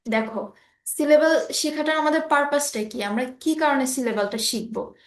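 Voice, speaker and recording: A woman teacher with a high voice walks through an online lesson patiently. She stops often to check that her student is following. The sound has a roomy echo. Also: moderate pace. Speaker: English teacher. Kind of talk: online class explaining English grammar.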